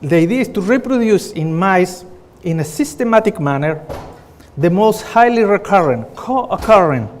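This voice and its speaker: In a conference hall where a long reverb follows his words, a middle-aged man with a Chilean Spanish accent presents his research earnestly and animatedly. He often pauses on fillers and restarts, and his voice sits a little high for a man. A little hiss or hum is audible.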